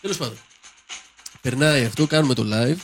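A man's voice: mid-range voice, slight background noise. A man on a casual podcast, a musician, telling a rambling anecdote. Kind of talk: casual storytelling chat.

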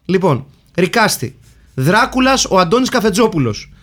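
A man's voice: on the high side, animated. Jokey Greek man reading listener mail. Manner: jokey, reads lists of names and titles. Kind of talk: casual comedic film chat.

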